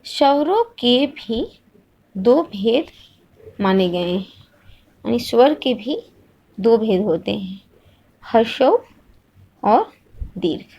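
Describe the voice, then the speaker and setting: Slow, patient woman teaching Hindi grammar. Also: fairly high pitch, expressive, creaky, dark tone, slightly rough, lo-fi sound. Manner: patient, repeats each point and quizzes with questions. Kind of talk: slow classroom-style grammar lesson.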